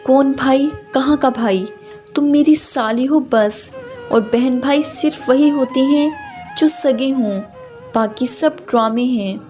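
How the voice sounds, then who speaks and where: A woman's voice: fairly high pitch, steady tone, a little mellow, soft background music, natural voice. A woman voicing a menacing, bullying young husband in a read-aloud story. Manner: threatening, bullying.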